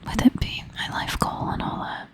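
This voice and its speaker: A tired woman whispering softly and slowly to the listener in a relaxed, intimate ASMR chat, sometimes slipping into a soft half whisper. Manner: soft, slow, intimate whispering with gentle laughs. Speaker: ASMR creator.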